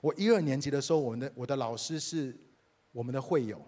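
A Taiwanese pastor with a Taiwanese Mandarin accent tells a personal story during a sermon, speaking fast in a medium-pitched voice. He's animated and addresses the congregation directly.

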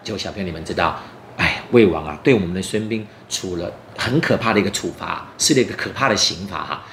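A man telling a story to children in an animated way, explaining as he goes and often asking the young listeners questions. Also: sits low, fast. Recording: roomy echo, faint background noise.

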